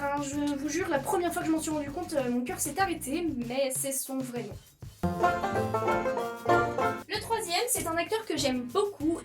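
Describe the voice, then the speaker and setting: A playful young woman hosts a casual explainer video, her voice sitting high and bright. She stresses the mistakes with mock horror. She sounds a little far from the mic, with faint music underneath. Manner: playful, emphatic, exaggerates mistakes. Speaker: YouTuber teaching pronunciation.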